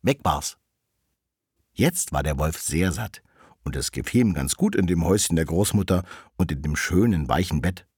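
A man reads a children's fairy tale aloud with expressive, animated delivery. His voice is deep with a husky grain and moves through a wide pitch range. The recording is dry and close. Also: moderate pace, no room sound. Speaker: storyteller.

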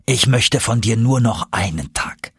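A man's voice: medium pitch, animated, a little slow, a bit bright, slightly rough, no echo, clean studio sound, full character voice. A man voicing a stern, obsessive old professor on an expedition, commanding and stubborn, in an audiobook reading. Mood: persuasive. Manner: stubborn, commanding, tender at times.

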